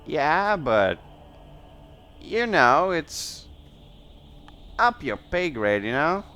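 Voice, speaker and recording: A man's voice: a little high, sing-song, drawn-out words, sharp tone, slight background noise, pitched above the performer's own voice, heavily acted. A man voicing a weary female tavern keeper in a tabletop game. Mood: dry, wheedling.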